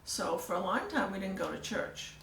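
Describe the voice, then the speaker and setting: Creaky soft-spoken older woman. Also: medium pitch, very animated, moderate pace, a little hiss or hum. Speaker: church newcomer telling her story. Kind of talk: casual storytelling interview. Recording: echoey room, mic at a distance, faint ambience.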